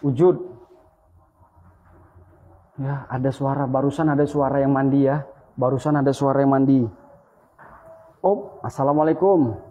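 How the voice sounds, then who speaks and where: Hushed man calling out to spirits. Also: mid-range voice, fairly even intonation, normal speed, long pauses, phone-quality sound. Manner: hushed, alert, calls out greetings to spirits. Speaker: ghost-hunting video host. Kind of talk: live paranormal investigation commentary.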